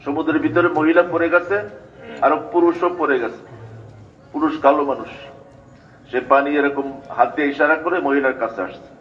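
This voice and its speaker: A man's voice: on the high side, fairly even intonation, normal speed, pauses often. Older man preaching, dull lo-fi sound. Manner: storytelling preaching with chanted invocations. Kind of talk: sermon. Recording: dull lo-fi recording.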